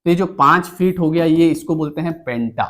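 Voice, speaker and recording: Male tutor, exam-prep lecture voice-over, talks through slides step by step, counts items aloud, pitch a bit high. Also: fairly quick, fairly bright tone. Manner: explains step by step with frequent "है ना?" check-ins; counts items aloud while pointing at the screen. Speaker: teacher.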